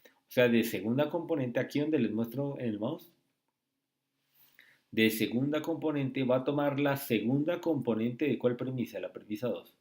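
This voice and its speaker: A man tutoring logic in a screen-recorded lesson, speaking slowly and often checking with "¿sí?" and "¿listo?". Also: mid-range voice, darkish tone. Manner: slow, repetitive, asks rhetorical checks.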